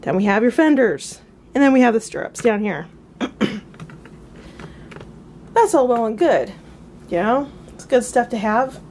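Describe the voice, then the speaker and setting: A somewhat high-voiced woman explains gear in a relaxed, friendly teaching manner. She talks chattily with fillers and asides and coughs now and then. A faint hiss sits under her voice. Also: unhurried, long pauses. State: coughing at times. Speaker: riding instructor. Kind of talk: casual instructional demonstration.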